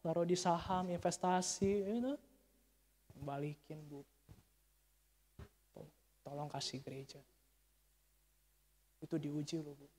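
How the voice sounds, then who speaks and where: A male pastor preaching a sermon, telling a story with lively swings and calling to the congregation as he goes. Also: fairly high pitch, slow, long pauses. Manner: animated storytelling, addresses congregation as Pak and Bu. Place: church sanctuary. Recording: church hall reverb.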